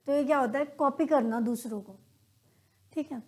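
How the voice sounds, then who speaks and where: At a moderate pace, a woman with a high, darkish voice and an Indian accent gives a classroom lesson on logical reasoning. Her method is to patiently pose a question and then answer it, and she dramatizes everyday situations in quoted dialogue.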